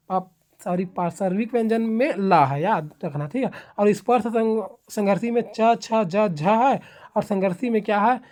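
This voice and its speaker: A woman's voice: mid-range voice, mellow. Woman teaching grammar, drilling syllables aloud. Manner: keeps asking herself rhetorical "what is it" questions; sounds out syllables one by one for students. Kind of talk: spoken classroom lecture.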